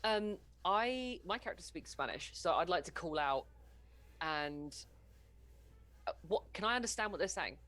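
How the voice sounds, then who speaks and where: Hesitant low-voiced woman player. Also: expressive, normal speed, pauses often, fairly bright tone. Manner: hesitant, thinking aloud. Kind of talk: casual tabletop play.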